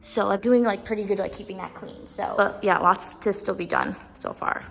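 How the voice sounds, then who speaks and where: A woman's voice: medium pitch, huge pitch swings, normal speed, creaky, faint music behind, poor audio. A young woman teacher chatting casually in a vlog, full of fillers and upbeat asides. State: out of breath. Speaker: first grade teacher.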